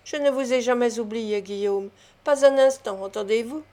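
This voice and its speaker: A woman's voice: fairly high pitch, moderate pace, dark tone, lightly acted. A woman reading the part of a sly, fawning old male gang leader in an audiobook, in a wheedling, submissive manner.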